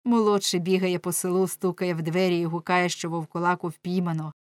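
A woman's voice: lowish voice, level tone, brisk, no room sound, natural voice. A woman reading a village father from a storybook, telling the news in a plain voice close to the mic. The sound is dry. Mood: eager. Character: village father, eager and reporting.

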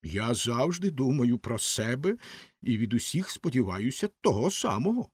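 A man's voice: medium pitch, very animated, normal speed, darkish tone, husky, no echo, clean studio sound. A man voicing a vain, self-pitying female rocket firework in a haughty, theatrical way.

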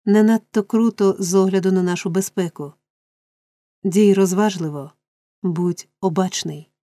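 A woman voicing a frantic, scheming old male fence in an audiobook reading, shrill and insistent. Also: steady tone, unhurried, warm tone, no room sound, close to an everyday voice. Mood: urgent.

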